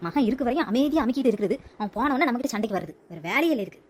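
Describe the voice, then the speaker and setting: A woman playing a rapid-fire defiant daughter-in-law. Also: on the high side, expressive, slight background noise, natural voice. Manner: argumentative, retorting. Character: sharp-tongued defiant young daughter-in-law. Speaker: comedy sketch actor. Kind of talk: comedy skit.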